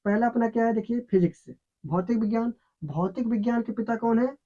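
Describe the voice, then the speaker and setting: This is a teacher giving a science lesson at a middle pitch. The teacher asks the class a question, pauses, then answers it and repeats the key word. The recording is dull and lo-fi. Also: warm tone.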